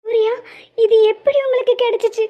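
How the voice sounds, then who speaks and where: A woman's voice: very high voice, normal speed, dark tone. A woman voicing a tearful young wife in a cartoon, speaking emotionally and pleading. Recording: slightly dull lo-fi audio.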